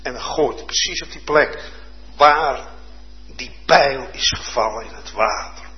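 A man preaching a sermon with fervent, dramatic delivery, dropping to hushed tones and rising to loud exclamations. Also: mid-range voice, a little slow. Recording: dull lo-fi sound.

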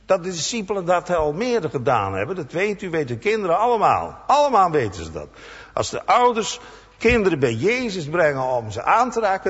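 A man preaching a sermon in a church, slow and emphatic, acting out the cries of the people in his story. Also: on the high side, slightly rough. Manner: slow, emphatic preaching with dramatic voiced quotes. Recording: dull sound with long church reverb.

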